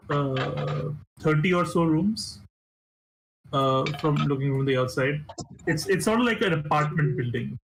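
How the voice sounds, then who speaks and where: A man running a tabletop game, speaking slowly and stopping often to fill gaps. His voice sits a little high. A faint hiss stays under the voice chat. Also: rough recording. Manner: halting, many filler words. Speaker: game master. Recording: faint background noise.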